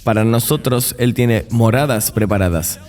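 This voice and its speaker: A man's voice: medium pitch, moderate pace, darkish tone, in a large hall. A man preaching a sermon in an earnest, emphatic way, with the odd dry aside.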